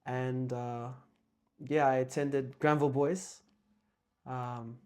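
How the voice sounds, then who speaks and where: Soft-spoken young man, hesitant. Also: mid-range voice, fairly even intonation, slow pace, clean tone. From Australia. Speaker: guest. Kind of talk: casual chat.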